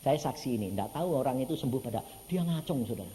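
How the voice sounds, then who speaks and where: A man preaching a sermon in an animated, storytelling way, acting out the voices of the people in his stories and swinging from loud to soft. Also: mid-range voice, fast talker, a little hiss or hum. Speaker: evangelist preacher. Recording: church hall reverb, faint ambience.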